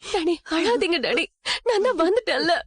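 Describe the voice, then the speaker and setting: A tearful grown daughter. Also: female voice, extremely high pitch, lively intonation, moderate pace, no echo. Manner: pleading, tearful. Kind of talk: TV serial acting.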